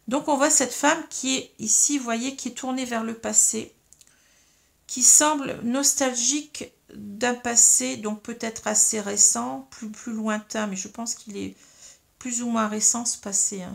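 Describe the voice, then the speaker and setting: A woman giving a tarot reading to her viewers, explaining each card slowly with many fillers and tags, with a slight frog in her throat. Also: fairly high pitch, vocal fry. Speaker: tarot reader.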